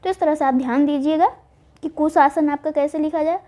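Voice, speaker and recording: A woman teaching Hindi spelling for exam prep, spelling words out slowly and answering her own questions. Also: high voice, steady tone, dark tone. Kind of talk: online exam-prep lesson.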